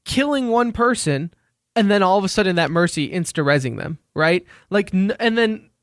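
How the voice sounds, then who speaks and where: A man's voice: high-pitched, lively intonation, moderate pace, dry recording, studio quality. A man hosting a radio show about esports, chatty and joking as he moves between segments. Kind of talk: casual esports radio talk.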